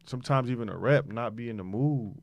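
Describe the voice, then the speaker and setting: A man co-hosting a casual chat, telling workplace stories in a relaxed way, with lots of "like.". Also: medium pitch, brisk, no room sound, dull audio. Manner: laid-back storytelling, heavy use of "like". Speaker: podcast co-host.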